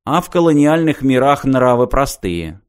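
A man reading the lines of a calm, ironic man who coolly and politely provokes a gang of bullies. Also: mid-range voice, lightly acted. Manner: polite, cool, measured.

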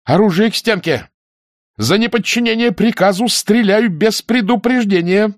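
A woman's voice: extremely low pitch, very animated, unhurried, mellow, slightly rough, dry recording, clean studio sound, exaggerated voice. A male narrator voicing a fierce young female security officer who speaks sharply and gives commands. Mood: furious.

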